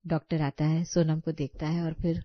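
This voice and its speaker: Low-voiced woman narrating a cartoon. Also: little pitch movement, normal speed, no echo, lo-fi sound.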